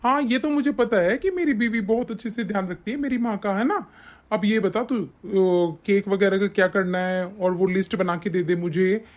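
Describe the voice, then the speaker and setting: A woman voicing a busy adult son and husband in an animated story, speaking in a defensive, brushing-off way. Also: mid-range voice, moderate pace, lightly acted. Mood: casual. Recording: slightly dull lo-fi audio.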